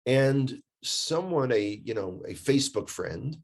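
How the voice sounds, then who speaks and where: This is a guest from the United States, a tour guide based in Israel, whose mid-range voice sounds animated, slow and gravelly. He spins stories in a relaxed, chatty manner with an American accent, repeating phrases emphatically for effect.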